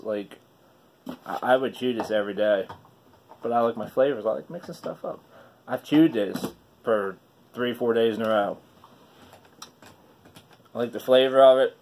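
A man's voice: mid-range voice, a little mellow. A middle-aged man chatting casually to camera as a product reviewer, talking with a lip full of chewing tobacco. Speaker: online dip reviewer. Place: small wood-paneled room indoors. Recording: noisy room recording.

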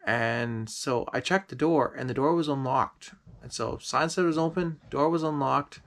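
Gravelly guy doing a laid-back voice-over of his road trip, some ums. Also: medium pitch, normal speed, a bit bright. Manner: easygoing, storytelling with ums.

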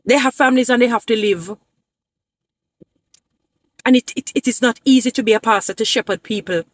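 Sitting in a parked car, a social media creator in her thirties speaks straight to her phone camera held at arm's length, preaching in defense of churches. She lectures emphatically and repeats points for emphasis, her voice on the high side and a little fast.

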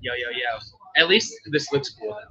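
A man hosting a casual shop livestream, chatty and jokey, his voice picked up by a phone microphone in a loud shop. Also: mid-range voice, expressive, moderate pace, crowd noise. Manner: chatty, jokey, self-interrupting. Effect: tinny phone-mic sound. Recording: tinny lo-fi phone-mic audio.

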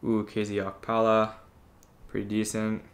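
A man's voice: lowish voice, monotone, moderate pace. A young man with a Canadian accent, chatting casually as he opens trading cards and gives short verdicts on each one. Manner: laid-back, reads out names with short verdicts. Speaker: co-host of a card-opening channel. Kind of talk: casual chat while opening trading cards.

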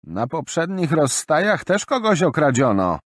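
A man's voice: on the high side, sing-song, measured pace, husky, no echo, studio quality, voice pushed up, exaggerated voice. A male narrator voicing a stern, grey-haired older woman who leads a merchant caravan, speaking firmly. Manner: firm, commanding.

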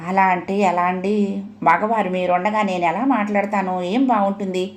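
A woman's voice: medium pitch, steady tone, normal speed, close to an everyday voice. A woman voicing a middle-aged mother who coaxes and pleads with her husband, in an audio story. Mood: pleading. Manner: coaxing, pleading.

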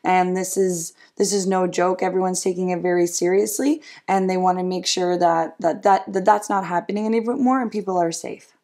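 A woman's voice: on the low side, fairly even intonation, normal speed, few pauses, mellow. A woman in her thirties co-hosting a casual news chat from a living room couch, talking in a chatty, upbeat way. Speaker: co-host.

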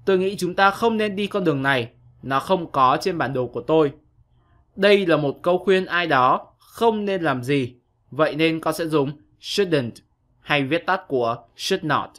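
Bright-voiced male teacher explaining. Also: a little high. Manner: patient, explains step by step to young pupils. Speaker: English teacher. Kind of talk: scripted online lesson narration.

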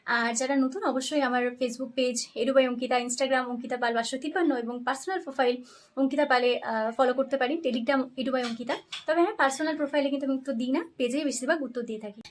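A young woman teaching a lesson for interview preparation, explaining points briskly and often checking in with her listeners. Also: high voice, steady tone.

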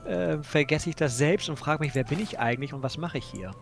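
A man's voice: on the high side, a little fast, creaky, music in the background. A man co-playing a strategy game, casually explaining his moves with self-mocking humor. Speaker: co-player in a let's play. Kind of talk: casual gameplay chat.

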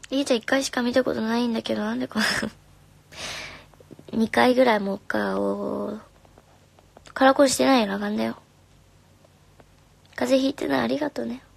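Soft-spoken young woman with a gravelly edge. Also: a little high, steady tone, fairly quick, long pauses. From Japan. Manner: soft and friendly, drops to whispers now and then. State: slightly hoarse. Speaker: idol singer hosting a live stream. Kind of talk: casual live-stream chat reading comments. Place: home room. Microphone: phone.

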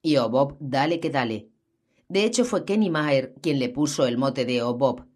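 Lady reading a crime audiobook, steady and unhurried. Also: a bass voice. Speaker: audiobook narrator. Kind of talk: scripted audiobook narration.

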